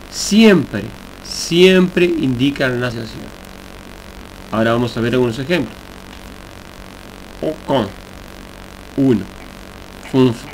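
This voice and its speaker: A man teaching a recorded Yoruba language lesson, explaining slowly and deliberately with examples. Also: medium pitch, rough recording. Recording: faint hiss and mains hum.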